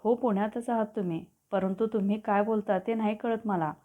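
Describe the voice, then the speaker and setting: A woman's voice: medium pitch, steady tone, brisk, close to an everyday voice. Woman doing a deferential young hotel maid. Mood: puzzled. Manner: respectful, coaxing. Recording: tinny phone-like audio.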